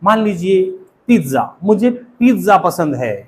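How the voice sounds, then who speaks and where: High-voiced Indian English teacher. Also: male voice, big pitch swings, unhurried. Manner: asks the class questions and has them repeat. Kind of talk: classroom teaching.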